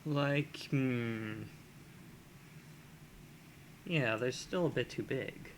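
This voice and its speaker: A man's voice: medium pitch, very slow, a little hiss or hum. A man streaming while he sculpts, chatting casually and musing aloud, often chuckling and trailing off into fillers as he works, into a desk microphone.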